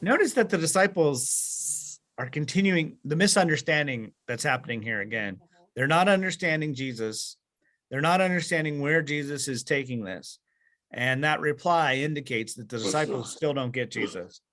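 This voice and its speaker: A man's voice: a little high, expressive, normal speed, fairly bright tone. A man leading a Bible study over a video call, explaining with many fillers and restarts and asking the group questions.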